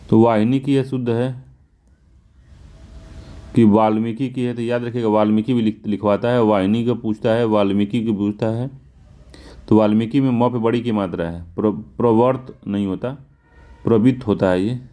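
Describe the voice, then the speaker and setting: A man with a North Indian Hindi accent going through exam questions as a teacher, repeating key words slowly for emphasis. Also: medium pitch, dark tone. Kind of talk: explaining test answers.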